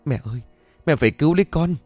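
A man's voice: on the high side, animated, fast talker, a little mellow, no echo, faint music behind, pitched above the performer's own voice. Man voicing a stammering tearful young daughter. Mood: pleading, tearful. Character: frightened young woman, spoiled pleading daughter.

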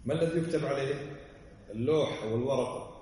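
A man's voice: mid-range voice, a little fast, mellow. Man lecturing from afar in an echoey hall. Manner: emphatic, fires rhetorical questions. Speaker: religious teacher. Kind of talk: lecture explaining a classic text. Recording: echoey hall, voice far from the mic, faint background noise.

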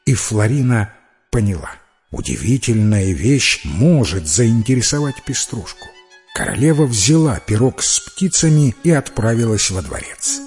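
A man narrates a fairy tale in a calm, expressive reading voice of medium pitch. The storybook narration flows steadily over a faint music bed. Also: a little slow. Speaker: audiobook reader.

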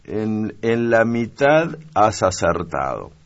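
A refined, moody young noblewoman speaks in a lifted, gravelly voice, as a male audiobook reader puts her on. She talks slowly and with care. The recording sounds dull and lo-fi. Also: lowish voice, big pitch swings, voice pushed up, heavily acted.

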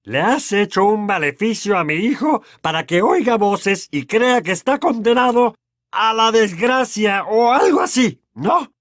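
A man doing a blustering, bullying uncle for a storybook reading, the voice pushed well above his own and slowed down. The forced calm carries a suspicious, indignant edge, recorded close and dry. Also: high-pitched, no room sound, pitched above the performer's own voice. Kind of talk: audiobook reading.

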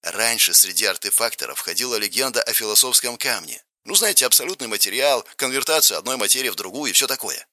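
An earnest craftsman from an audiobook lays things out in a measured, matter-of-fact way, as a male reader voices him. His voice stays near the narrator's own, with a lively rise and fall. The recording is dry and close. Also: mid-range voice, no echo.

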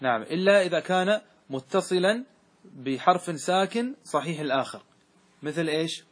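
Male grammar teacher, slightly high, husky voice, recites verse and answers his own questions. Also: lively intonation. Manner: asks the class questions and answers them himself, recites verse slowly. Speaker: sheikh teaching Arabic grammar. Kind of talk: classroom lesson on a grammar poem.

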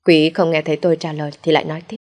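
A woman narrating a first-person audio story in a steady, plaintive way. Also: low-pitched, racing.

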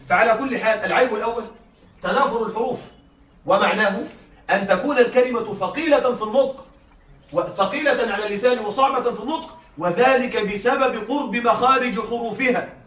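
A man's voice: high-pitched, fairly bright tone. A male teacher giving a classroom lecture, often checking that his students are following. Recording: echoey room, mic far off.

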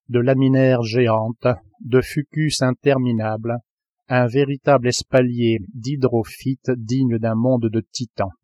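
A man reading a classic novel aloud as an audiobook narrator, in a measured, literary storytelling manner. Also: mid-range voice, a little mellow, no echo. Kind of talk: scripted narration.

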